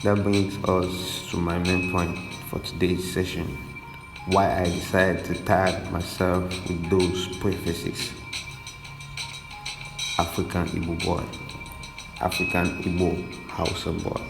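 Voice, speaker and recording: Over background music, a young Nigerian podcast host tells the story of his life in a relaxed, slangy, thoughtful monologue. He speaks slowly in a low, creaky voice with little movement in pitch.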